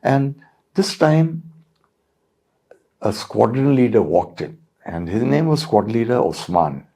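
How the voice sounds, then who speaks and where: An older man from India, a retired air force officer, recalling past events in an interview, halting with many fillers and restarts. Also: medium pitch, sing-song, vocal fry, warm tone. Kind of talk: reflective storytelling interview.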